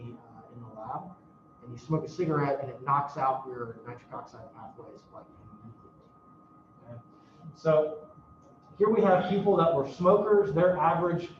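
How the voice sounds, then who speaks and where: A man's voice: fairly high pitch, a little mellow, a little hiss or hum. A man lecturing a university class in a casual, self-mocking way, swearing now and then. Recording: roomy, distant, dull classroom recording.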